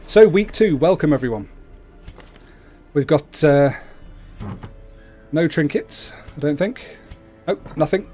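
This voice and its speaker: A man's voice: on the high side, lively intonation, takes it slowly, long pauses, warm tone, faint music behind. A man hosting a livestream, casually explaining the video game he plays. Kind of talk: casual explanatory gameplay commentary. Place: indoors at a computer, webcam.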